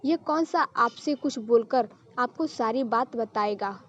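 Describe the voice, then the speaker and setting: A woman's voice: fairly high pitch, a little slow, a bit bright. A woman voicing a sheepish young wife who talks in a pleading way, on a dull lo-fi recording.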